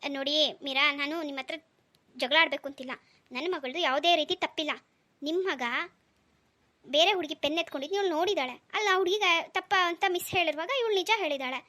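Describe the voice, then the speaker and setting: A woman voicing a gentle young stepmother in a cartoon, talking in an earnest, pleading way. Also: sits high, quick pace. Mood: firm. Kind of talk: cartoon dialogue.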